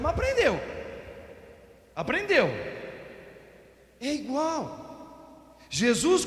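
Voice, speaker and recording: A middle-aged Brazilian priest giving an Easter homily, telling folksy stories with everyday examples. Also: male voice, extremely high pitch, a bit bright. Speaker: parish priest. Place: parish church. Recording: echoey church with long reverb.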